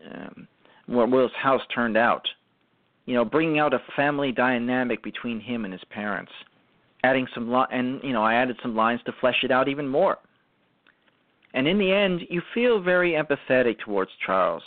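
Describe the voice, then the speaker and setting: A male radio show host and writer-performer offers semi-prepared show commentary in a medium-pitched voice, halting, restarting, and repeating phrases as he goes. The audio is muffled and lo-fi, with no room sound.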